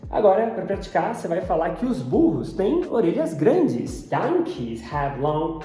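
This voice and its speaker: A man with a Brazilian Portuguese accent teaching English pronunciation, repeating each word slowly and carefully. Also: sits high, wildly swooping pitch, mellow. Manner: repeats English words slowly and deliberately, often several times. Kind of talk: pronunciation lesson. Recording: very echoey room.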